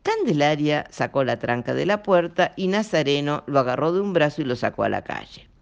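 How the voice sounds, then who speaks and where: A man narrates a story in an expressive voice. His pitch moves freely and a gravelly grain runs through his voice. The reading sounds like an audiobook. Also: a little fast, highs cut off.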